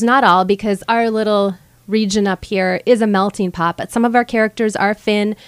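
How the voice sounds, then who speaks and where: The recording is clean, with no room sound: a woman from Michigan's Upper Peninsula, in her thirties, talks into a studio mic in a mid-range voice. She's a guest author in a radio studio interview, earnest but lightly funny.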